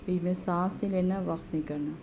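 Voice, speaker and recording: A woman teaching correct prayer recitation, chanting each verse slowly and then explaining it quickly and quietly. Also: lowish voice, fairly even intonation. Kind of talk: tajweed lesson with slow chanted recitation. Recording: slightly dull audio with faint background noise.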